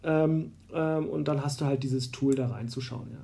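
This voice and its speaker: A man's voice: mid-range voice, fairly even intonation, normal speed, vocal fry, warm tone, slight background noise. A man from Berlin, a basketball referee, explaining rules at length in a casual conversation, with many fillers and restarts.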